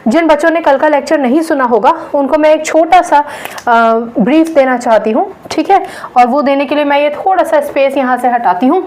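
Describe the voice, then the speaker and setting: A woman's voice: sits high, normal speed, darkish tone, low-quality recording. A woman teacher giving a lecture in an explanatory way, often checking in with her students. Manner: explanatory, checks in with "theek hai". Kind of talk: classroom lecture.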